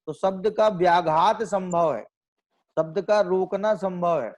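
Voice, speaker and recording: A Jain scholar lectures on scripture in a slow, high-sitting voice. He poses rhetorical questions and answers them himself, repeating and restating phrases as he reasons aloud.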